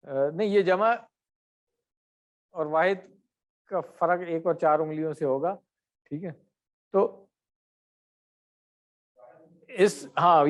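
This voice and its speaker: A man's voice: high-pitched, highs cut off. A middle-aged man teaching Arabic grammar in an online class, correcting and quizzing his students by name.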